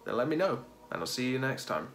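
A man's voice: mid-range voice, sing-song, fast, a bit bright. A man in his thirties talking casually and hesitantly to camera as a paranormal video host. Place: dark room indoors. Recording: music behind the voice. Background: guitar music.

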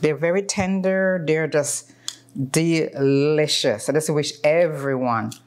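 A woman in her fifties talks through a home cooking demonstration in her kitchen. Her voice sits low, and she chats easily as she works, with plenty of ums and restarts. The camera sits close in front of her. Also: slow. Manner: chatty, explains as she works, frequent ums. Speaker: cooking channel host.

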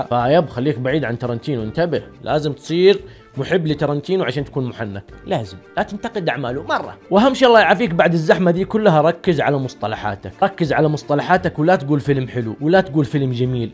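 A young man giving sarcastic mock advice in a teasing comedy monologue. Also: medium pitch. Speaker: comedy YouTuber.

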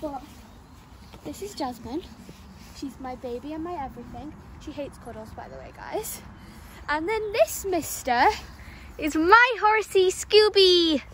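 A woman's voice: sits high, lively intonation, measured pace. A young woman giving a casual tour of a horse barn, chatty and rambling, filmed on a phone. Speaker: vlogger showing her barn. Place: outdoor horse barn and stables. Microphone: phone camera held nearby. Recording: phone video with background noise.

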